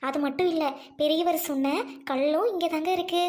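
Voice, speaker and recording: A woman plays a grieving childless village wife in a cartoon, her voice pitched very high. She pleads with earnest, prayerful intensity. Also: fairly even intonation, a little fast, darkish tone, lightly acted. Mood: praying.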